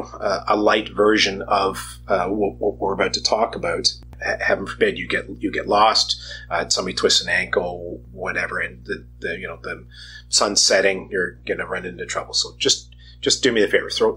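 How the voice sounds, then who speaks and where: Deep-voiced male podcast co-host, bright and forceful tone, loose rambling delivery, faint hum underneath. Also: low-quality recording. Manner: rambling, full of restarts and asides. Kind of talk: casual advice talk.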